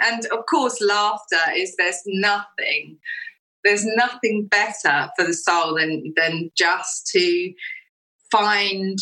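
A woman's voice: medium pitch, bright, forceful tone, rough recording. A woman, a guest in a casual podcast chat, talking enthusiastically and laughing often.

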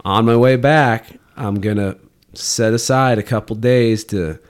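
A man's voice: mid-range voice, a little slow, smooth. Easygoing man telling fishing stories. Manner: rambling anecdotes with easy chuckles. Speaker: podcast guest, fishing guide. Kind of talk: casual storytelling chat.

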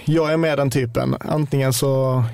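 A man with a Scanian Swedish accent, a football player chatting casually on a podcast and speaking in a relaxed, hesitant way with many fillers. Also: mid-range voice, gravelly, clear, resonant tone, dry recording, clean studio sound.

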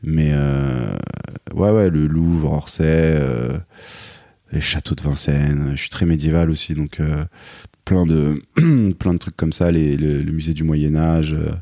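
Brief: hesitant man in his thirties, very low dark voice, dry close recording. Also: fairly even intonation, a little slow, no room sound. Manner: hesitant, many fillers and restarts. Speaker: guest, songwriter and performer. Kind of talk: casual interview chat.

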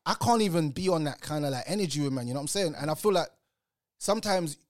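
A man's voice: on the high side, expressive, fast talker. A man with an urban London roadman accent and street slang, chatting casually and emphatically as a podcast host, often repeating himself. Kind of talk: casual, heartfelt chat.

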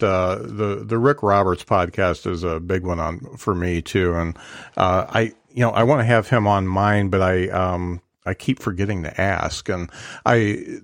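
50s guy hosting a podcast, lowish voice, dry close sound, lots of uh and you know. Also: dry recording. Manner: rambling, self-deprecating, many fillers and false starts. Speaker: podcast host. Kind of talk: casual interview chat.

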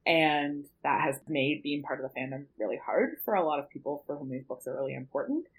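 A woman with a somewhat low voice talks on a casual podcast. She is emphatic and thoughtful, with a wry edge to her remarks. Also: lively intonation, a little fast, rough recording.

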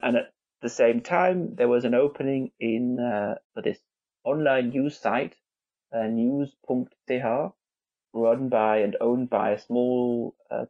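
A man's voice: mid-range voice, lo-fi sound. A man in his forties from England, a guest on an interview podcast, talking with many restarts and fillers. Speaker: guest, newspaper visuals head. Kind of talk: conversational interview.

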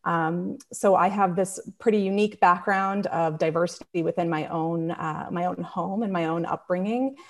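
A woman's voice: fairly low pitch, steady tone, normal speed, few pauses. A woman introducing herself on a panel in an earnest, reflective way. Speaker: panelist, founder.

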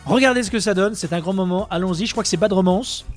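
A young man co-hosts with quick, joking talk that slips into a radio announcer's patter. His voice sits high and moves fast. Faint music plays under him. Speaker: co-host. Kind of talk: casual chat.

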